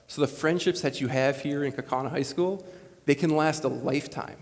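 Speaking a little high and a little fast, this late-twenties man from Wisconsin delivers a commencement address from the stage of a big school gym. His manner is earnest and conversational, with lively gestures; the lapel mic captures a long gym reverb.

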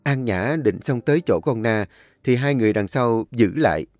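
A man reads a serialized novel aloud, his delivery lively and dramatic. The recording is dry and close, with soft music playing underneath. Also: medium pitch, moderate pace, no echo. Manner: expressive, dramatic reading. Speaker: storyteller. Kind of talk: audiobook narration.

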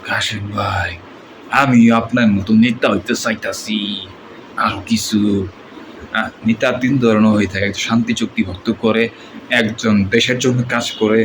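A man voicing a menacing, swaggering movie villain gang boss with a Bangladeshi accent and drawn-out threatening taunts. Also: fairly low pitch, steady tone, close to an everyday voice. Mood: mocking menace. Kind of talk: film villain dialogue mimicry. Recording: noisy amateur recording.

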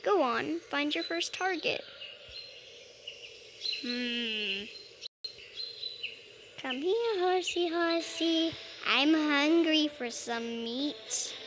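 This gamer narrates casually while playfully role-playing a dragon, her high-pitched, animated voice moving very slowly with long pauses. Game music and other background noise can be heard.

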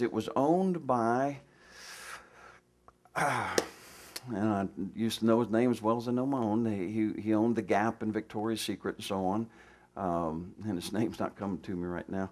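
A man's voice: fairly low pitch, a little mellow. A male pastor giving a folksy, conversational sermon in a church, full of restarts and asides. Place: church sanctuary.

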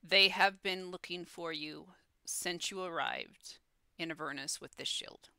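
A woman narrating as dungeon master of a tabletop game, measured and deliberate. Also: fairly low pitch, creaky, pushed and bright, no room sound, studio quality.

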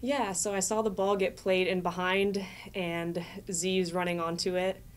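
A young woman, a soccer midfielder, giving relaxed answers at a press conference. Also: lowish voice, measured pace. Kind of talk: post-match press answers. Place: press room in front of a sponsor backdrop.

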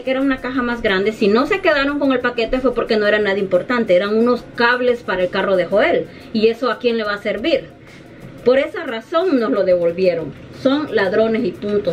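A woman's voice: on the high side, slight background noise. A middle-aged woman vlogger telling an indignant story in casual chat to the camera, often quoting other people. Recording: dull, slightly distant home recording.

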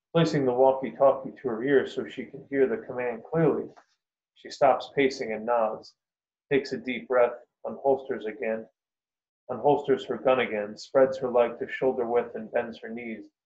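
A man reads his own short story aloud in a measured, unhurried voice. The recording sounds roomy, with a slightly dull, lo-fi tone. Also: medium pitch, fairly even intonation, a little mellow. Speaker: author reading his story. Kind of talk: first-person story reading.

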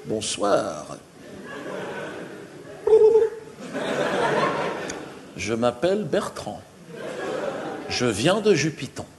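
A man voicing a bossy, impatient male alien visitor, speaking low, hushed, slow and flat. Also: creaky, exaggerated voice. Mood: solemn. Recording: live stage recording with audience noise.

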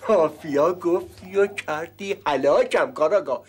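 A man's voice: a little high, husky. An actor playing a blunt, scheming male landlord and father in a TV sitcom. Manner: blunt, bargaining. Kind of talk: TV sitcom acting.

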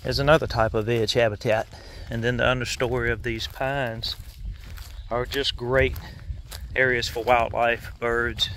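A man giving a relaxed, rambling outdoor walkthrough of woodland, pausing with fillers. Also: medium pitch, slight background noise. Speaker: interviewer and narrator. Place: outdoors in pine woods.

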